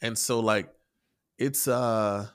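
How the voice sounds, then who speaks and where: A man's voice: fairly low pitch, fairly even intonation, slow pace. A man in casual podcast chat, rambling with many restarts and casual swearing as he explains an article he wrote. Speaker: podcast co-host and article writer.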